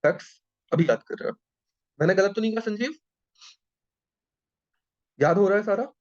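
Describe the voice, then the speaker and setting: A man teaching an exam-prep class in a lively, joking way, often checking in with his students. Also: high-pitched, normal speed. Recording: dull lo-fi sound.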